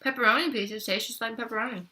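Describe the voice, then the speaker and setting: A woman's voice: on the high side, fast talker, pushed and bright. A young adult woman talking casually at home while eating for her vlog, chatting between bites with her mouth full. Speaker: vlogger. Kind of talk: casual mukbang eating chat.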